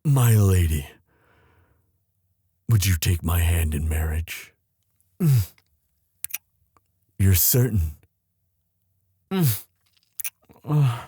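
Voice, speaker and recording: A man voices a tender young crown prince in a romantic audio drama, speaking in a low, dark, expressive voice with a breathy edge and a formal, courtly manner. Heavily acted, he sounds nervous and tender, earnest and devoted, halting as emotion overtakes him, recorded close and very dry.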